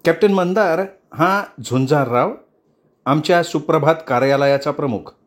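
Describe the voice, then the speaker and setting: A man's voice: a little high, normal speed, close to an everyday voice. A man voicing a cheerful young bride who coaxes and teases a guest at her wedding.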